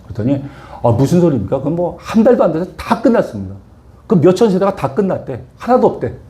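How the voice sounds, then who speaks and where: A man's voice: sits high, sing-song, fast, dark tone. A middle-aged male pastor preaching a sermon, telling a personal story and asking the audience questions.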